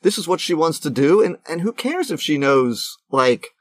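A man co-hosting a podcast in a fairly high voice, chatty and joking. The sound is dry and close. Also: sing-song, dry recording. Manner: joking, chatty, quick to interject. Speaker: podcast co-host. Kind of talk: casual podcast chat.

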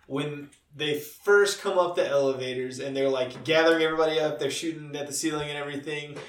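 A man co-hosting a casual movie podcast, retelling scenes in a rambling, halting way. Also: fairly high pitch, steady tone, roomy sound. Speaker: podcast co-host.

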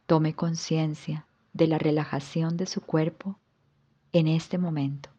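A woman yoga instructor guiding a yoga nidra relaxation with soft, calm instructions. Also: low voice, slow pace, slightly rough, highs cut off.

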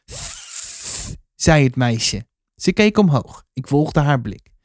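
Calm man reading a children's novel aloud. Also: medium pitch, takes it slowly, no echo, clean studio sound. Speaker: reader.

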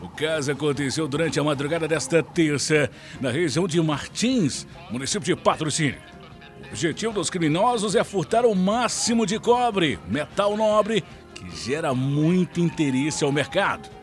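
A Brazilian man reads a scripted radio crime bulletin in a fairly high voice. His intonation is very lively, and faint music runs behind him. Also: moderate pace. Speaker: radio police-news reporter.

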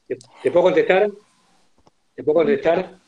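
A man's voice: a little high, moderate pace, highs cut off. A man with an Argentine accent, hosting a casual chat and telling an anecdote, repeating phrases for emphasis. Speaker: host.

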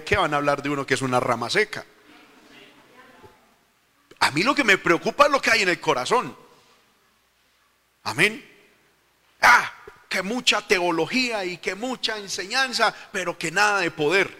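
Fervent high-voiced male preacher, bright tone. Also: in a large hall. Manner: fervent, keeps addressing listeners as brother. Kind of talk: sermon.

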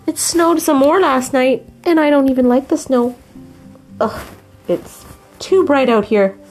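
A woman's voice: high-pitched, a little slow, darkish tone, soft background music, pitched above the performer's own voice. A woman voicing a grumpy young penguin who complains with whiny sighs. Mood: grumbling. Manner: whiny, sighing grumbles.

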